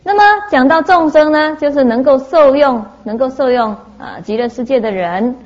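A woman with a high voice, speaking at a normal pace through audio with the highs cut off, gives a Buddhist sermon. As a Buddhist teacher, she tells stories in a lively, anecdotal way, peppering them with frequent "ah" fillers.

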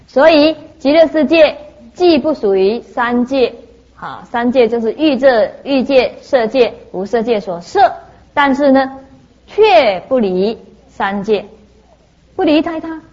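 A woman's voice: fairly high pitch, takes it slowly. Woman preaching a Buddhist sermon, lo-fi. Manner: lively anecdotal telling, frequent "ah" fillers. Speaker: Buddhist teacher.

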